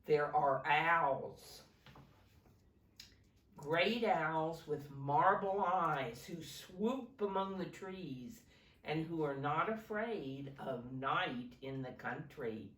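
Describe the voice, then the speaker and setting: A woman with a low voice reads aloud and explains like a preschool teacher, asking the little ones simple questions as she teaches. Her intonation is lively and expressive, her tone a bit bright, and she takes her time, drawing out her words. The sound is roomy and a little distant from the mic.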